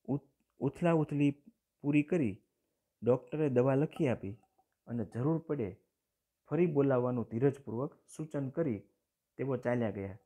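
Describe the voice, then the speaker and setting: A man with a Gujarati accent teaching a lesson, reading a story aloud and then explaining it plainly, often clearing his throat. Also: medium pitch, measured pace, pauses often, dark tone.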